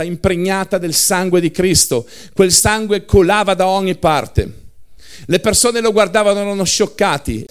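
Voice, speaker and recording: High-voiced impassioned preacher. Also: male voice. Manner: impassioned, piling up short phrases. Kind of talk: sermon.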